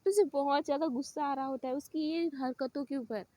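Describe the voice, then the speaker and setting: A woman's voice: high-pitched, fairly even intonation, a little fast, mellow, dry recording. A woman narrating a love story in a chatty, conversational way.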